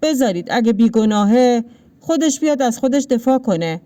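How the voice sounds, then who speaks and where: A woman voicing a domineering village landlord in a read-aloud story, with curt, calm, menacing lines. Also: on the high side, close to an everyday voice. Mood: cold menace.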